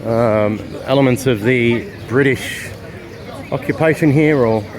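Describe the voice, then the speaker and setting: Unhurried and mid-range in pitch, an Australian-accented travel vlogger narrates a casual walking tour outdoors in the city. He's chatty and rambling, dropping fillers, against a backdrop of crowd and street noise.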